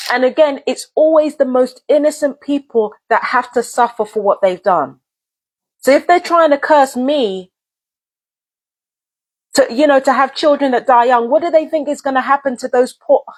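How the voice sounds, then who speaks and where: A woman vlogger in full rant, her voice pitched high with a breathy, husky edge. She swears a lot and circles back to the same lines again and again, talking straight to her audience. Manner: angry, profane, repetitive. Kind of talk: heated direct-to-camera rant.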